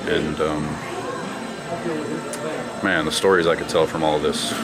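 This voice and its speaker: A former basketball player in his thirties who grew up in China tells stories from his career while answering interview questions. His voice is extremely low with a level tone and a measured pace, and loud music plays underneath.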